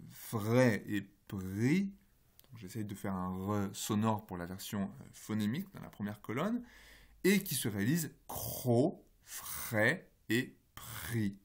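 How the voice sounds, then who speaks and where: A man's voice: on the low side, a little mellow. Man, French accent, university lecturer, explanatory, talks to students. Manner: explanatory, addresses students directly.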